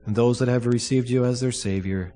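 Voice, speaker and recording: A man speaking as a pastor at a funeral service, giving a solemn, earnest prayer in measured short phrases. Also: medium pitch, steady tone, dark tone.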